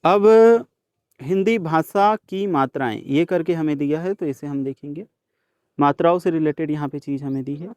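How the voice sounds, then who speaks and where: A man teaching students, his voice a touch high. He sounds out the letters one by one at a slow, deliberate pace and talks straight to the class. The recording is close and dry, with no room sound. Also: darkish tone, dry recording. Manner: addresses students directly. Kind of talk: worksheet solution lesson.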